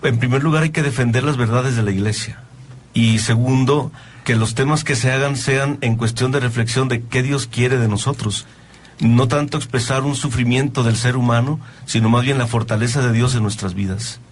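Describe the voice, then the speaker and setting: A man with a Mexican Spanish accent, a priest and composer guest, answering interview questions in a measured, explanatory way. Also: mid-range voice, fairly even intonation, slight background noise.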